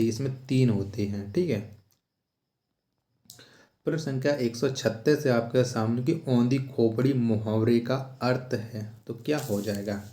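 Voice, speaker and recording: Here a mellow, medium-pitched male voice guides listeners through exam questions one step at a time. He names each question and then its answer, repeating himself and leaning on rhetorical questions. The recording carries echoey room sound.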